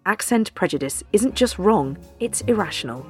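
A woman narrating a scripted news essay with a measured, wry delivery. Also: mid-range voice, expressive, faint music behind. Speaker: journalist reading an essay.

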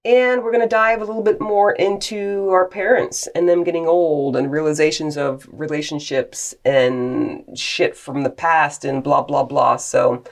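A woman with a low voice chats casually as a podcast co-host. Her talk is frank, joking and loosely profane. She is recorded inside a closet hung with blankets, on a mic clipped to her shirt. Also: fairly even intonation, measured pace, few pauses. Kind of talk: casual chat. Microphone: lapel mic clipped to shirt.

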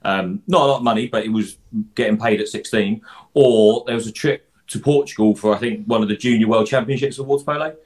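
A man's voice: fairly low pitch, brisk, a little mellow. A man with an Essex accent chatting casually as an interview guest, talking in a self-deprecating, matey way. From Essex, England. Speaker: former footballer turned pundit, interview guest.

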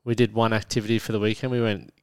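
A man's voice: fairly low pitch, flat delivery, quick pace, darkish tone, smooth, no echo, studio quality. A man in his thirties with a broad Australian accent, chatting casually and telling stories in a slangy, joking way as a podcast co-host. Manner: laid-back, slangy, joking. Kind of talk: casual chat, storytelling with his wife.

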